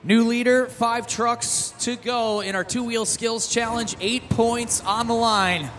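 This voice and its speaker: A man's voice: extremely high pitch, steady tone, a bit bright, slight background noise. A man working as a hype event announcer and commentator, one of a duelling pair, calling motorsport in an arena and stretching out names and scores. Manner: hyped announcer trading calls with a co-announcer, drawn-out name and score calls.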